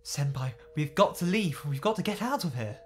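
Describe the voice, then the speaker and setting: A man's voice: medium pitch, sing-song, moderate pace, a little hiss or hum, voice pushed up, natural voice. A man doing a jittery young coworker. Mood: panicked. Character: panicky young male junior coworker.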